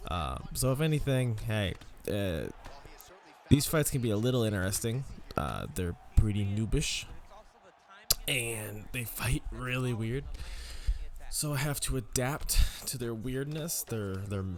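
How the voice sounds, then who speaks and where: A man's voice: medium pitch, expressive, a little slow. A young man hosting a gaming channel, rambling tiredly and casually through his game commentary, swearing now and then and yawning. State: sleepy, yawning.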